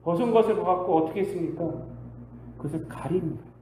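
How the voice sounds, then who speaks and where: A male pastor preaching a sermon, asking the congregation rhetorical questions and swinging between loud bursts and quiet asides. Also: high voice, fast. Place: church sanctuary. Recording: echoey church hall with faint hiss.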